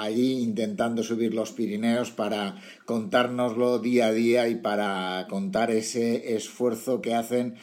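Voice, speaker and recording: A man hosting a podcast, interviewing guests in a casual way with frequent fillers. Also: mid-range voice. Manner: relaxed, many fillers. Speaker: podcast host.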